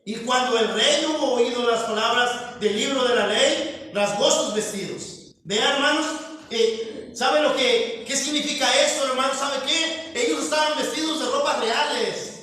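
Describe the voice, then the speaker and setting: A man's voice: very high voice, bright, forceful tone. A man with a Mexican Spanish accent preaching a sermon as pastor, asking the congregation questions and calling them brothers. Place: church hall. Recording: very echoey church from a distance.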